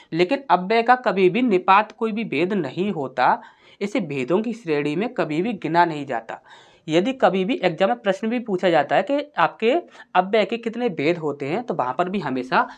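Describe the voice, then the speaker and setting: Lively-pitched woman teaching grammar. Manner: asks questions and answers them herself; reads example sentences slowly and deliberately. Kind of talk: exam-prep grammar lesson.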